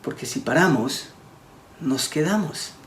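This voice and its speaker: A man giving a sermon as a preacher, earnest and slowing down to stress his points. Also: fairly high pitch, expressive. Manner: earnest, slows down to stress words. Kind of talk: sermon teaching. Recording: echoey room with faint background noise.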